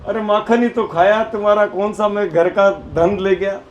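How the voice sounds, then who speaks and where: A man's voice: high-pitched, fairly even intonation, moderate pace, reverberant, muffled recording, slight background noise, lightly acted. A man voicing a playful, mischievous young boy god who teases and bargains. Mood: cheeky.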